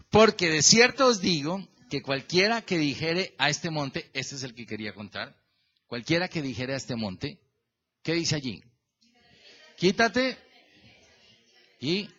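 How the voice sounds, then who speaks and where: A pastor preaches in a bright, high man's voice that leaps up and down as he walks through a verse. He keeps questioning the congregation and calls on people by name. The recording sounds dull and lo-fi. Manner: lively and animated, stretching the verse phrase by phrase. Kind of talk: sermon.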